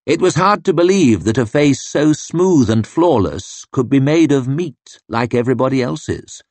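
Male audiobook narrator, unhurried, expressive, low, close dry sound. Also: no echo. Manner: measured, expressive storytelling. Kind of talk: scripted narration.

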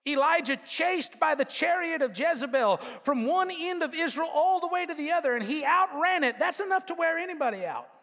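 A male pastor delivers an emphatic sermon, mixing humorous asides with call-and-response lines for his congregation. His voice sits very high and sounds bright and forceful. It rings out with a long reverb in a large church sanctuary. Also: expressive, brisk, few pauses.

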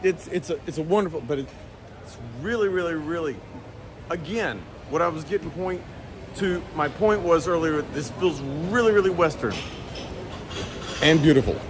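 A man's voice: a little high, moderate pace. A middle-aged man chats his way through a casual travel vlog, rambling and restarting as he goes. He holds the camera at arm's length. A faint hum of ambient noise sits under his voice. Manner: chatty, rambling, with frequent laughs and restarts. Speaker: travel vlogger. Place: outdoors in a village and inside a shopping mall. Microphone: handheld camera at arm's length.

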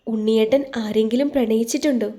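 A woman voicing a shy young bride who teases softly in a thin voice in a romance audio story. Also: on the high side, fairly even intonation, quick pace, lightly acted. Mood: teasing. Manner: thin, soft, teasing voice.

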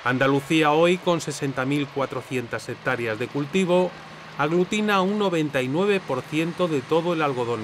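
A man reading scripted news narration in a measured, formal way. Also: mid-range voice, noisy background.

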